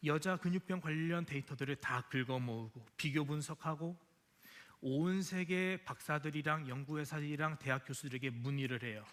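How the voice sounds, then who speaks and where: A man's voice: on the high side, moderate pace, a bit bright. A middle-aged man, a pastor, telling a personal story in a sermon, acting out dialogue and dropping to whispers at tender moments.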